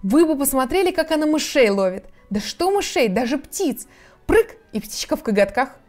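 A woman's voice: high-pitched, rapid-fire, dark tone, faint music behind, voice pushed up, natural voice. A woman voicing a curious, polite young girl in a storybook reading, eager and earnest. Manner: eager, earnest, timid when scolded.

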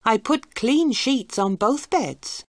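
A woman voicing a polite young servant girl at an inn, speaking higher and slower than her narration. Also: expressive, dry recording, clean studio sound.

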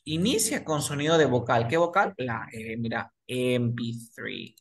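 A man's voice: mid-range voice, expressive. A man whose first language is Spanish, teaching English grammar to beginners and repeating words as he quizzes the listener. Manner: repeats words slowly, asks and answers his own questions.

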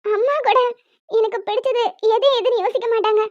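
A woman voicing an emotional young wife in an animated drama, pleading and tearful. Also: very high-pitched, fairly quick, no room sound. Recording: dull lo-fi dry sound.

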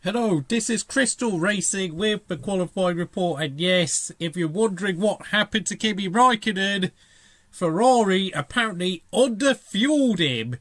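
A man with a fairly high voice gives informal motorsport commentary as a channel host. His delivery is sardonic, and the recording is dry and close. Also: a bit bright, no room sound.

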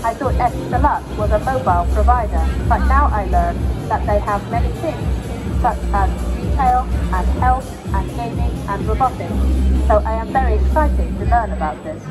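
A synthetic female humanoid robot voice answering questions in formal, measured sentences without contractions. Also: on the high side, rough recording. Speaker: interviewee. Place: busy tech expo hall. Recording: loud crowd and music behind.

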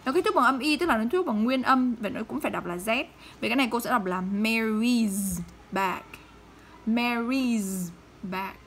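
Woman teacher going over english word endings, bright slightly high voice, keeps checking in with students, faint background hiss. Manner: checks often with questions to students; models English words slowly. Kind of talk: pronunciation lesson.

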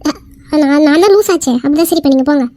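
Woman doing a sharp-tongued cartoon wife, super high squeaky voice, rattles off fast scolding, dry sound. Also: dry recording, natural voice. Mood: softening. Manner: scolding, indignant, quick retorts. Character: young wife, hurt and angry, sharp-tongued. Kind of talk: cartoon skit voice acting.

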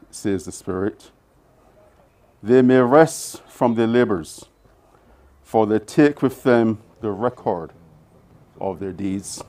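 A man reading burial prayers aloud in a solemn liturgical style, letting phrase ends fall away softly. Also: medium pitch. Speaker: officiant.

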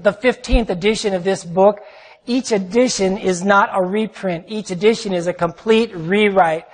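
A middle-aged man giving a live seminar in a large hall, talking in an emphatic, rambling way with frequent restarts, his voice ringing with a cave-like echo. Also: sits high. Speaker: seminar speaker. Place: large echoey lecture hall. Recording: echoey hall with long reverb.

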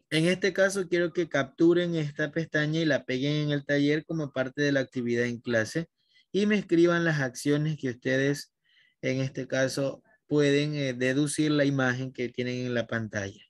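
A male teacher with a fairly high voice leads an online lesson, calling students by name and coaxing answers. The sound is dry and close, with no room around it. He speaks patiently and steadily. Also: fairly even intonation, moderate pace, no room sound.

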